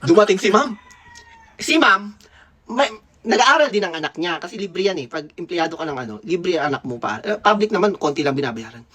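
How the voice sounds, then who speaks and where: A Filipino man in his thirties, a dentist who vlogs, recounts a memory from school in a casual, playful, gossipy way, laughing often. His voice sits high and sounds animated, fairly quick, pushed and bright.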